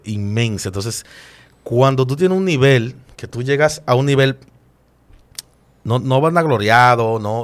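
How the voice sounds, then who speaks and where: A man, a chef guest in an interview, telling stories in an animated and emotional way with frequent restarts. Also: on the low side. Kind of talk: casual interview storytelling.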